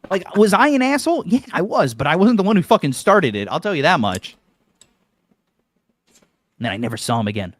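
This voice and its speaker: A man telling a story on a podcast in a heated, profane, animated rant. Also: high-pitched, fairly quick, long pauses.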